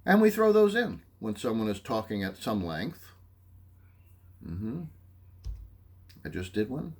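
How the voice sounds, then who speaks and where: A man's voice: on the low side, slow. A man teaching a psychology lesson, explaining listening skills, often checking in with "okay?" and acting out short examples. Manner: animated, acts out examples. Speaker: psychology instructor. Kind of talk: lecture.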